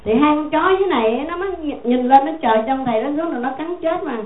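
A Buddhist nun tells a teaching story in a folksy, conversational, repetitive way. Her voice is high. The sound is narrow and phone-like, with a roomy echo and a faint hum underneath. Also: animated, fast. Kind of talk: dharma talk storytelling. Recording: echoey tinny phone-like sound.

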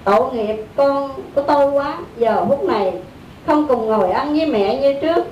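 A sorrowful elderly mother grieves her lost child in a slow lament, voiced by a woman telling a story, with a Southern Vietnamese accent. Her high voice rings in an echoey room, caught from a distance over a faint rumble. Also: dull audio, close to an everyday voice. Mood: mournful.

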